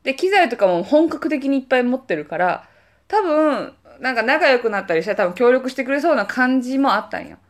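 明るい関西なまりの若い女性が、くだけた雑談の中で身振りたっぷりに旅先の思い出を語る。. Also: female voice, high voice, brisk. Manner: animated, acts out quoted voices. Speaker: podcast co-host. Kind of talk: casual storytelling chat.

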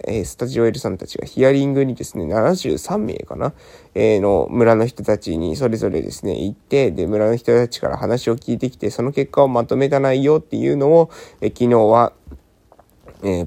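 A man hosts a solo morning talk in a hoarse, gravelly voice, rough from just having woken up. His tone is dark and mellow, with pitch that rises and falls a lot. He speaks politely and fills his pauses with drawn-out hesitations. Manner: polite, many fillers. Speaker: podcast host.

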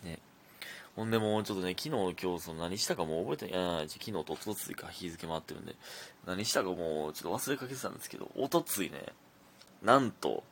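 Chatty young Kansai man, lively pitch. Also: fast, slight background noise. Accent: Kansai Japanese. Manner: lively, chatty, reads listener messages aloud. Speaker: podcast host. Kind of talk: casual solo podcast talk.

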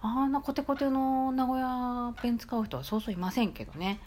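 A woman from Nagoya with a Nagoya accent, chatting casually on her own podcast with lots of soft fillers. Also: on the high side, normal speed, slight background noise. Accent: Nagoya dialect. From Nagoya, Japan. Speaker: podcast host. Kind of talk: casual solo chat.

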